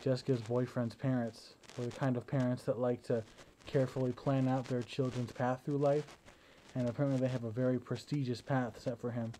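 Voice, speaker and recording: A man's voice: mid-range voice, brisk, a little hiss or hum. A young man lying down and talking into a battery-powered camera for a casual video diary, hesitant and full of fillers and restarts. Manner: relaxed, lying down while talking. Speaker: video diarist. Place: indoors, at home lying down. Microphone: battery-powered camera device.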